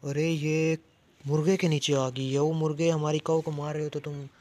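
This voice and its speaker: A man narrating his toy play in an excited, exclamatory way, talking to the toys as if to a child. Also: fairly high pitch, normal speed.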